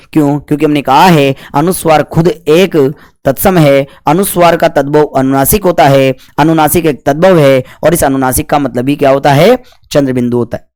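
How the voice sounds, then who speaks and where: Male grammar teacher, slightly high voice, dry close recording; self-answering exam-prep drill style. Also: a little mellow, no room sound. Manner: asks questions and answers them himself; stretches out syllables to demonstrate pronunciation.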